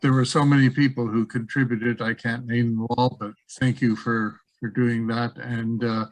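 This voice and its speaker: A man organizing and hosting a webinar hands over and then closes with thanks on a video call. His medium-pitched voice moves little in pitch at a moderate pace, and he sounds plain and hesitant, with restarts and fillers. The recording is rough but has no echo.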